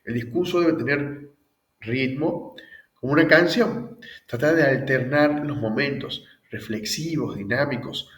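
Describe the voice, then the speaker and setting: A man's voice: mid-range voice, measured pace, roomy sound, far from the mic. A man teaching public speaking techniques in a recorded lecture, often checking in with the audience. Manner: frequent checks like "¿bien?" and "¿sí?", lively emphasis.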